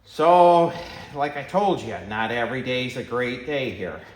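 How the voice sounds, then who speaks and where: A man's voice: medium pitch, expressive, unhurried. A man giving casual hands-on commentary as he does mechanical repair work. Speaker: vlog host doing mechanical repairs. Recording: roomy echo, loud clanking background noise.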